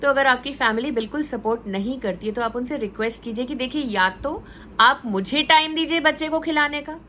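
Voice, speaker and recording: A woman teacher talks parents through everyday problems in a relaxed, conversational way. Her voice is bright and forceful and sits a little high, with English words slipped into her speech. A faint noise runs behind her. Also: fairly quick. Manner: storytelling with acted quotes. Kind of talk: parenting advice talk.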